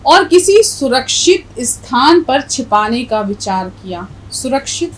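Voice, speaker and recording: A woman teaching Urdu letters slowly and clearly, while reading a story aloud. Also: high voice, sing-song, slight background noise, rough recording. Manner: slow, clear, spells out letters deliberately. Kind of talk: language lesson with story reading.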